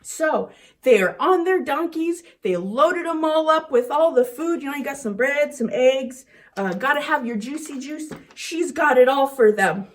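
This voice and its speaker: A young woman teaching a children's church lesson, telling a Bible story in an animated, chatty way. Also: sits high, a little slow.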